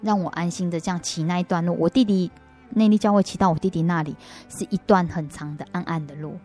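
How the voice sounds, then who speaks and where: Taiwanese-accented woman, low-pitched and earnest. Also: fairly even intonation, fast, dark tone, soft background music. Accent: Taiwanese Mandarin. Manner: earnest storytelling with restarts. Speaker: interview guest. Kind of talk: personal faith testimony.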